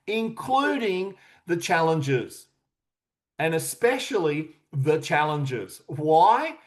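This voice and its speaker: A man leads a motivational coaching talk in a somewhat high voice. He speaks slowly and deliberately. He is earnest and emphatic and repeats his key questions to drive them home. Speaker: confidence coach.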